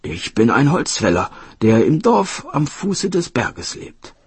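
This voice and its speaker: A man voicing a humble, kind woodcutter in a storybook tale, speaking plainly and gently. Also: mid-range voice, big pitch swings, takes it slowly, breathy edge, voice pushed up, heavily acted. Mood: gentle. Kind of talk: storybook narration.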